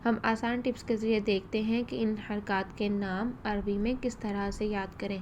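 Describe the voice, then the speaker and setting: A woman teaching a tajweed lesson, slowing down to demonstrate each vowel sound with care. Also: medium pitch, little pitch movement, darkish tone, slight background noise. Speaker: Quran recitation teacher.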